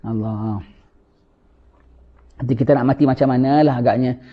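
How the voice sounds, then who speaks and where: A man gives a religious lecture, preaching in an animated way and often prompting listeners with "ha?". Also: mid-range voice, normal speed. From Singapore. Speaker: religious teacher. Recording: lo-fi dull lecture recording.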